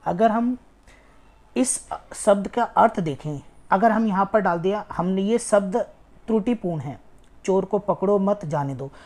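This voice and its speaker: Unhurried, with a mid-range, darkish voice, a woman leads an online exam-prep lecture. She explains step by step, repeats key words to emphasize them, and often checks understanding with "ठीक है".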